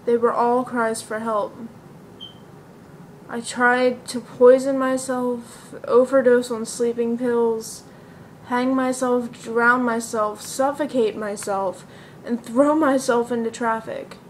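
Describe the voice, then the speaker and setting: This is a woman acting out a depressed, bleak young woman in a dramatic monologue for the stage. Her high-ish voice stays close to an everyday one, earnest and confessional, with a quiet, bleak mood over slightly noisy amateur audio.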